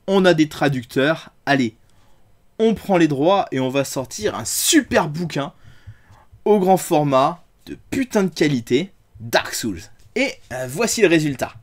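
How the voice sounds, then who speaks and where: Man, fairly high voice, sarcastic game review host, swears freely, theatrical delivery. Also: animated, measured pace. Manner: sarcastic and crude, with theatrical outbursts. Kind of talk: comedic review monologue.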